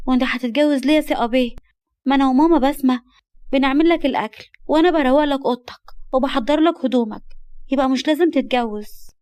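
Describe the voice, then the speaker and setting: A woman's voice: sits high, quick pace, long pauses, a little mellow, dry recording, voice pushed up, close to an everyday voice. A woman voicing a pouty, devoted adopted teenage girl who whines and pleads, with an Egyptian accent. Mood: tearful anger. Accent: Egyptian Arabic. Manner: whiny, pleading.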